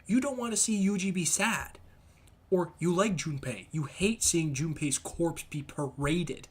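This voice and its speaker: A young man chatting casually and emphatically in slang, thinking out loud as he rambles through his opinions. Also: a little high, measured pace, husky. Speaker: solo commentator reading and reacting to comments. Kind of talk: casual rambling chat about comics and anime.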